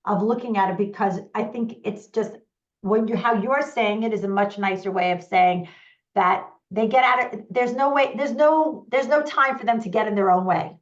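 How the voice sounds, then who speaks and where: A woman's voice: medium pitch, moderate pace. Female host, eager interviewer, slightly dull video-call sound. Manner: enthusiastic, interjects, repeats key points. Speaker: host, parenting coach. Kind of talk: conversational interview.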